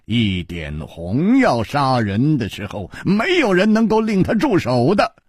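A man voicing a wry, calm young swordsman hero in a low, soft, amused voice. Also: measured pace, breathy edge, no room sound, studio quality, exaggerated voice. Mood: resigned.

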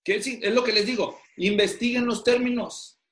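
A man teaches pastors over a video call, his voice high for a man. He keeps firing questions at his students to pull answers out of them. The room around him sounds roomy and echoey. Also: fairly even intonation, normal speed, a bit bright. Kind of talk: interactive online class. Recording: roomy echo.

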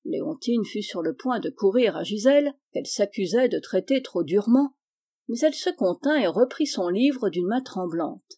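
A woman reading an old children's novel aloud as an audiobook. She keeps a steady, even pace, and her voice is mellow and warm. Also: mid-range voice, moderate pace. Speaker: narrator. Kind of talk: audiobook narration of a classic novel.

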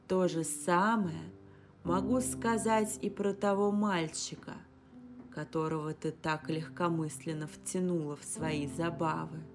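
A woman voicing an ancient female spirit who speaks through a dying warrior, slow, grave and prophetic. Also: lowish voice. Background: instrumental music.

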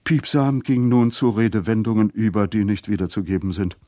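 Guy reading a story out, calm and measured, dry close sound. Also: on the low side, dry recording. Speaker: narrator. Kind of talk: scripted narration.

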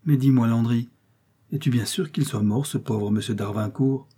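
A man voicing a gentle, pious peasant wife who pleads softly in an audiobook reading. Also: mid-range voice, normal speed, breathy edge, close to an everyday voice. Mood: anxious. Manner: soft, imploring.

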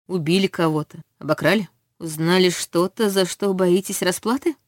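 A woman voicing a cold, demanding male academy rector in an audiobook, with a low voice and dry sound. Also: moderate pace, dry recording, natural voice. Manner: demanding, interrogating. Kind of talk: audiobook reading.

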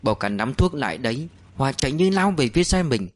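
Man in steady audiobook narration. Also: medium pitch. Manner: steady, measured storytelling.

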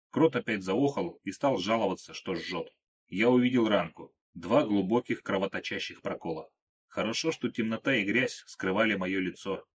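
A man narrating an audiobook in the first person, in a calm, low-keyed way. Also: slightly rough.

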